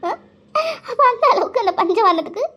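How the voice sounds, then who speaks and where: A woman's voice: extremely high pitch, brisk, fairly bright tone, muffled recording. A woman voicing a gossipy village woman who scolds and banters. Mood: bantering.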